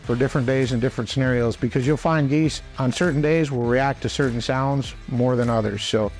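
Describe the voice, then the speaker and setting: A man's voice: mid-range voice, brisk, a little mellow, soft background music. A man instructing in a plain-spoken, practical way, explaining step by step in a conversational demonstration style. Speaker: instructor, hunting call expert.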